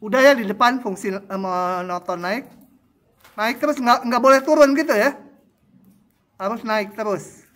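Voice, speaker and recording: Male math lecturer, unhurried, quizzes the class, thinks aloud at the board. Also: high-pitched, fairly bright tone. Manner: drawing graphs while explaining, quizzing students with questions; slow, thinking aloud with fillers. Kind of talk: university math tutorial.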